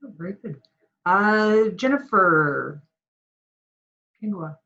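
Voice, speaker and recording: A woman's voice: medium pitch, expressive, takes it slowly, sharp tone, lo-fi sound. A woman instructor calling on students one by one during an online class. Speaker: course instructor. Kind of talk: online class roll call. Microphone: video call.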